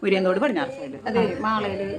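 An older woman from Kerala, a resident of an old age home, chatting softly and rambling. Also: mid-range voice, lively intonation, fast. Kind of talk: casual chat. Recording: crowd chatter behind.

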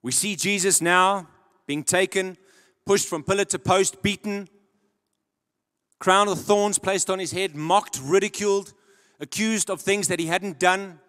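A man's voice: sits high, a little slow, a bit bright. A man preaching a sermon, telling the story and asking rhetorical questions. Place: church auditorium. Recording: long reverb of a large church hall.

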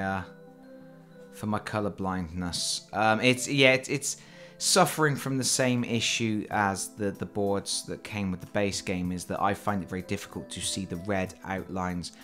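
Sitting at a table indoors, this board game channel host has a cold as he unboxes a game and talks over his hands. He speaks at a fairly low pitch with a fairly bright tone, in a chatty, self-deprecating way full of fillers.

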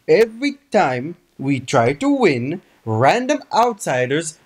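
Animated young man, bluntly opinionated. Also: on the high side, slow pace, a little hiss or hum. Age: young adult. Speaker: reaction video co-host. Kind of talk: casual reaction chat. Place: small room at home, indoors. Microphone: shared microphone on a boom arm in front.

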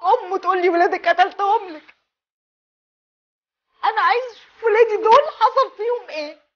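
A woman's voice: very high voice, fast, lo-fi sound. An Egyptian woman crying as she makes a desperate plea on a talk show, repeating herself between sobs. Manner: desperate, repeats her words, breaks off in sobs. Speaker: mother pleading for her children. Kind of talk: tearful televised plea.

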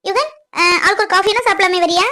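A woman plays a chatty young college woman in a cartoon, her voice very high. She asks question after question with a bright, curious lilt. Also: fast. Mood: shy. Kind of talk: cartoon voice acting.

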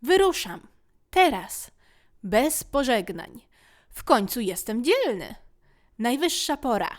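A woman's voice: high-pitched, big pitch swings, slow pace, a bit bright, voice pushed up, full character voice. A woman voicing a boastful young boy who wants to seem brave and grown-up. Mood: eager. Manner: cocky, eager.

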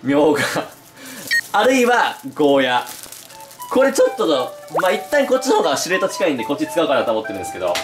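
Casting note: young Kansai man, blunt teasing jabs, animated delivery, roomy room with music. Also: a little high, quick pace. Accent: Kansai Japanese. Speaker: YouTuber. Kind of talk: casual cooking-challenge banter.

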